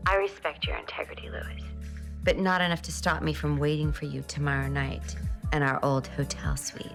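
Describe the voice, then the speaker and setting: A bold seductress in a TV drama, purring in a low, gravelly voice. She teases in breathy, half-whispered phrases. Soft music hums underneath. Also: normal speed. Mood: teasing. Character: bold seductive woman, former flame of a lawyer.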